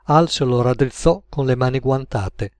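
A man narrating an audiobook in a measured, even manner. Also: mid-range voice, no room sound. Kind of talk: audiobook reading.

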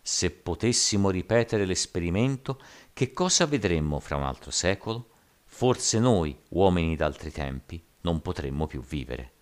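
A man's voice: sits low, very animated, moderate pace. A man voicing a thoughtful, wondering young man in a storybook reading. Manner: wondering, pensive.

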